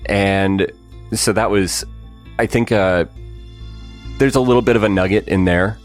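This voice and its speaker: At a measured pace and fairly low pitch, a male podcast co-host thinks aloud about a story during a relaxed behind-the-scenes talk. Fillers and easy laughter run through his speech, and faint music sits in the background.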